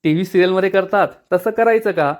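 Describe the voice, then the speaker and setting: A man's voice: sits high, quick pace, lightly acted. A man reading the lines of a playful, confident young husband who speaks in a teasing way.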